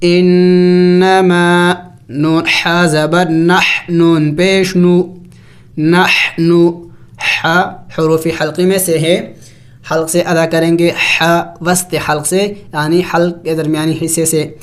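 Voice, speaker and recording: A Quran teacher giving a step-by-step tajweed lesson, spelling each syllable slowly and explaining the rules in quick asides. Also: medium pitch, flat delivery. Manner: chants the verses in long, drawn-out recitation.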